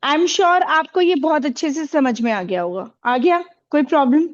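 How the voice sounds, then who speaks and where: Woman teacher in a classroom, super high voice, keeps asking questions, kinda muffled lo-fi audio. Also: expressive, moderate pace. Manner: asks questions and repeats answers, encouraging.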